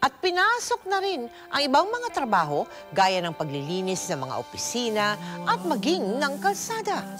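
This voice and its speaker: A woman's voice: high voice, wildly swooping pitch, moderate pace, music in the background. A woman reading scripted narration for a dramatized life story.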